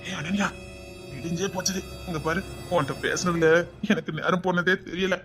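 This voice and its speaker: A man's voice: high-pitched, fairly even intonation, normal speed, music in the background, natural voice. A young man with a Tirunelveli Tamil accent playing a manipulative, greedy boyfriend who sweet-talks insistently on the phone. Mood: sweet-talking. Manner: coaxing, insistent, keeps asking 'understand?'. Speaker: scheming boyfriend on a phone call. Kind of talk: web drama acting.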